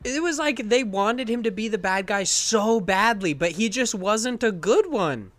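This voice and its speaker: A man's voice: high voice, expressive, a little slow, a bit bright, no room sound. A man co-hosting a podcast, recapping a movie in a sarcastic, profane, rambling way. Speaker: podcast co-host reviewing a movie. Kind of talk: casual chat.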